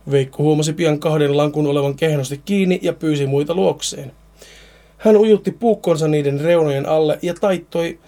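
A man's voice: on the high side, warm tone. A man reading a Finnish horror story aloud, now and then stumbling and repeating words.

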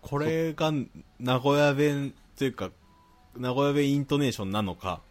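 A man with a Nagoya accent, a podcast co-host reading listener mail aloud in a calm, even voice and chatting casually. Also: medium pitch, moderate pace, faint music behind. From Nagoya, Japan.

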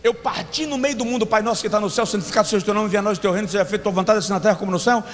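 A pastor preaching a dramatic sermon, slowing down and shouting for emphasis. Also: male voice, high voice, fairly even intonation. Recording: long church reverb with faint music.

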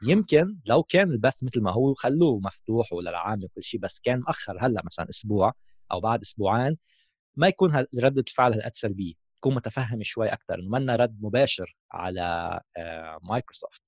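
A man's voice: lowish voice, expressive, rapid-fire, a little mellow, slightly rough, no echo, studio quality. A man with a Levantine Arabic accent giving a casual explanatory tech talk as a gaming host, mixing in English terms.

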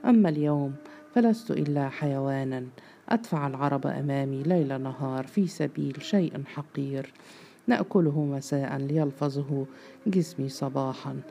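A man voicing a weary young male laborer who is bitter and mocking, read in a storybook with mellow tone. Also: mid-range voice, normal speed, vocal fry, slight background noise, lightly acted. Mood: brooding. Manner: brooding, mocking.

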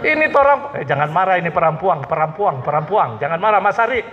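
A man with a Manado Malay accent delivers a joking, animated sermon, tossing questions to the congregation and answering them himself. His voice sits a little high and leaps around in pitch. The sound is dull and lo-fi, with a long hall reverb and a faint hiss behind it. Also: quick pace. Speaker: pastor. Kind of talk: humorous sermon with call-and-response. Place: church hall.

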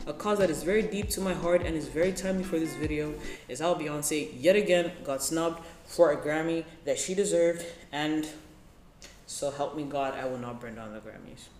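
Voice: medium pitch, normal speed, darkish tone. Candid vlogger from Ethiopia, roomy sound. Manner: candid, opinionated, with joking asides. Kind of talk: opinionated advice vlog. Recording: roomy sound with background music.

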